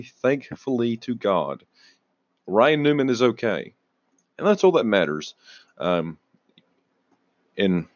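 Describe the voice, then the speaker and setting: A young man casually rambling on his own show, restarting sentences, swearing now and then and clearing his throat a lot, sounding tired. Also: sits low, dry recording, lo-fi sound. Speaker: auto news vlogger.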